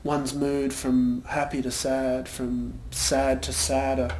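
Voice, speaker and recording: A man's voice: medium pitch, flat delivery, slow, darkish tone, close to an everyday voice. A young man playing a vain, pompous band frontman in a mockumentary interview, hesitant and full of fillers. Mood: smug. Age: young adult. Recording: echoey room with faint noise.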